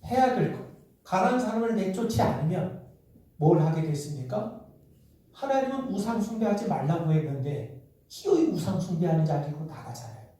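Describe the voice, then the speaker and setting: Dark-voiced pastor preaching in an echoey church. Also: male voice, high-pitched, lively intonation, normal speed, distant mic. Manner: rhetorical questions to the congregation; acts out quoted voices in dialogue. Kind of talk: sermon. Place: church sanctuary.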